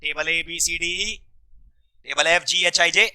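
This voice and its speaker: A man teaching a class, drilling students with quick repeated questions and mixing English terms into his Hindi. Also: a little high, fairly even intonation, sharp tone. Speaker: commerce law teacher. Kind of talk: classroom lecture.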